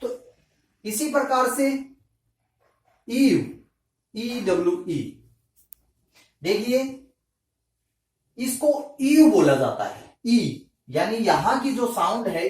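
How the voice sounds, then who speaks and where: A man teaching English grammar in a classroom lesson, asking rhetorical questions and answering them himself in a deliberate way. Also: high-pitched. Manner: slow, deliberate explaining. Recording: echoey room, mic at a distance.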